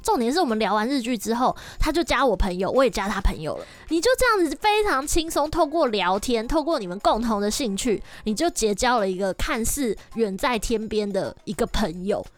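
A young woman, hosting a casual podcast and telling stories in a lively, chatty way. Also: on the high side, a little fast, hardly any pauses. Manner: lively, chatty, animated storytelling. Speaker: podcast host.

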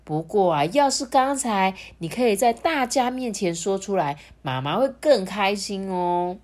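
A woman voicing a caring young mother in a children's storybook, speaking gently and coaxingly. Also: medium pitch, lively intonation, a little slow, pitched above the performer's own voice, close to an everyday voice. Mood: tender.

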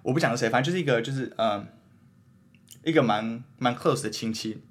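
A young man with a Taiwanese Mandarin accent talks quickly in a husky voice. He is a podcast host in easygoing chat, rambling and questioning himself as he works through his thoughts out loud. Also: mid-range voice. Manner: earnest, rambling, self-questioning. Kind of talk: casual chat.

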